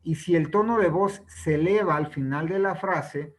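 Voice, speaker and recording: A man's voice: a little high, normal speed, rough recording. A man explaining a sales book in a lesson. He keeps tagging his phrases with a questioning "no?" and acts out sample questions with different intonations. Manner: ends many phrases with a questioning "¿no?" tag. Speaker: presenter reviewing a sales book.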